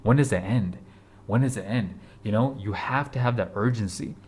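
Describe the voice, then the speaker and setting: A husky, darkish voice on the low side, moving at a moderate pace, belongs to a fitness vlogger in his twenties. He addresses the camera with a casual motivational talk that's urgent, repetitive and blunt, with the odd swear word.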